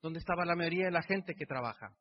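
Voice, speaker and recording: Quick-paced and on the high side, a middle-aged man from Mexico gives an emotional motivational speech, using repeated phrases to build intensity. The recording is dull and echoes through a reverberant hall.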